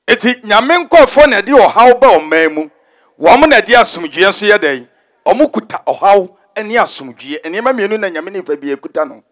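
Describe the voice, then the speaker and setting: A man with a Ghanaian accent preaches in a high voice, hammering his points through repetition. He drops English phrases into his sermon in a large stadium. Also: fairly bright tone. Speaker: prophet preaching.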